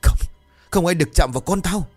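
A man voicing a grief-crazed older mother who wails and raves in a high, cracking voice. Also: a little fast, darkish tone, husky, faint music behind. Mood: frantic.

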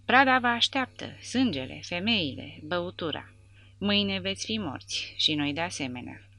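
A woman's voice: fairly low pitch, expressive, vocal fry, pushed and bright, no echo, exaggerated voice. A woman reading the part of a fatalistic male foreign legionnaire giving a declamatory speech.

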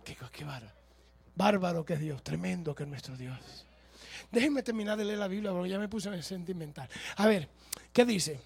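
A man preaching a lively, joking sermon, moving from hushed asides to shouted exclamations. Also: sits high, normal speed, gravelly, breathy edge. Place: church.

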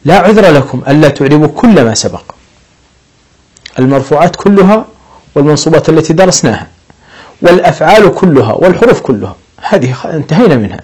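A man's voice: fairly high pitch, expressive, quick pace, darkish tone, husky, low-quality recording. A man teaching an Arabic grammar lesson, explaining patiently step by step and lifting his voice on each example sentence.

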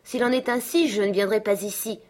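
A woman voicing an impulsive, affectionate teenage girl who asks eager, excited questions, in an audiobook. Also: mid-range voice, brisk, voice pushed up, lightly acted. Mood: indignant. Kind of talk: audiobook character reading.

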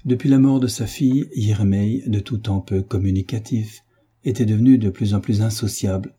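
A man narrating a novel aloud in a measured, even reading. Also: fairly low pitch, husky. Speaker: audiobook narrator.

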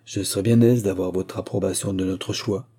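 Guy doing scheming vicar's wife mum, eager, coaxing, husky dark voice, audiobook. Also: low voice, steady tone, moderate pace. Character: scheming middle-aged mother, vicar's wife. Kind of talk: audiobook reading.

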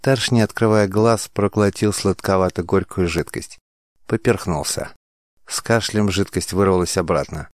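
A man narrating an audiobook in a measured, dramatic way. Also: deep voice, dry recording, studio quality.

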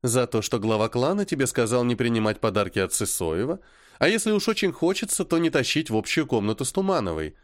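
A man voicing a calm, stern young woman who lectures her sister sharply. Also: medium pitch, quick pace, no echo, studio quality, natural voice.

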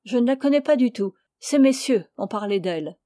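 Reserved young country gentleman voiced by a woman, curt replies, mellow, dry. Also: a little high, lively intonation, moderate pace, no echo, lightly acted.

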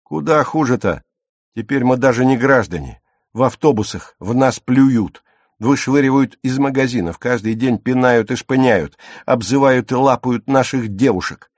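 A man reading an audiobook, voicing a hot-headed, bitter teenage boy in loud angry tirades. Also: lowish voice, measured pace, no room sound, studio quality. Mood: furious.

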